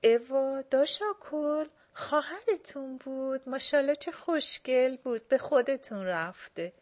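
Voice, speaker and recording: Woman doing a high gushing young woman. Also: lively intonation, muffled recording. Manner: high, quick and exclaiming.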